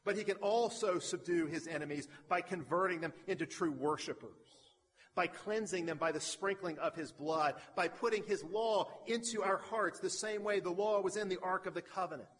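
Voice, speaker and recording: A man's voice: sits high, moderate pace, a bit bright, long reverb tail. A man preaching a sermon, emphatic, stacking parallel phrases and pressing his point with repetition. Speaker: pastor.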